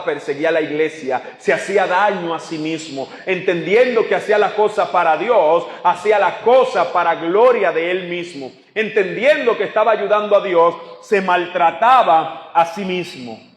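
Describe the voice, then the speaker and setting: A man preaching a sermon to his congregation, emphatic and full of rhetorical questions. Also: high voice. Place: church sanctuary. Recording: echoey church hall.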